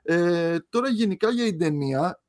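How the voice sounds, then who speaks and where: A young man co-hosting a podcast in casual chat, relaxed, laughing often and trailing off mid-sentence. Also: high voice. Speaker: podcast co-host.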